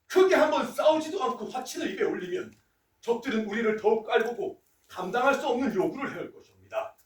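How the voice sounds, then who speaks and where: A man's voice: very high voice, lively intonation, fast. A man playing an upright, defiant royal official in a historical stage drama, speaking in formal, archaic declamation. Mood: firm, urgent. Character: upright, defiant male court official urging war. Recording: echoey hall, distant microphone.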